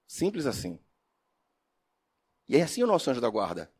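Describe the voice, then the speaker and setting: A man's voice: mid-range voice, normal speed, husky. A man giving a religious lecture as a spiritist speaker and professor, telling stories expressively and asking the audience questions. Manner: expressive storyteller, asks the audience questions, swings from loud to soft.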